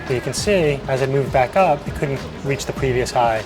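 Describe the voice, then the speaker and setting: A man's voice: mid-range voice, normal speed, poor audio. A man, a stock trader, explaining his work in plain documentary interview style. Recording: music playing clearly behind.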